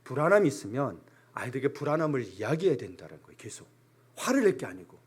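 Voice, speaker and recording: A man's voice: medium pitch, fast talker, slightly rough. A male pastor preaching a sermon in a church, speaking with emphasis and briefly acting out the voices of ordinary people. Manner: animated, emphatic, briefly acts out everyday complaints. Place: church sanctuary.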